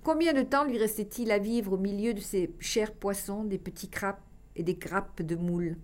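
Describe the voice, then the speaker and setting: A woman reading a children's tale aloud, expressive and dropping to a hush for dramatic passages. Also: mid-range voice, normal speed. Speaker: storyteller.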